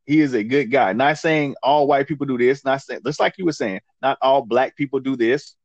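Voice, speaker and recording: A man's voice: mid-range voice, normal speed, a little hiss or hum. Angry, emphatic man on a muffled mic. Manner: angry, emphatic, profane, repeats himself. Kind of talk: heated casual discussion. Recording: dull muffled lo-fi sound.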